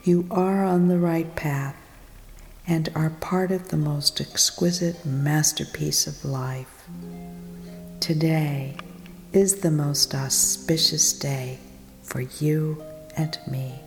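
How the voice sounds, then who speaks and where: A woman leading a guided meditation, speaking softly and soothingly, often in a whisper. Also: deep voice, steady tone, slow pace. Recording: long reverb with music behind.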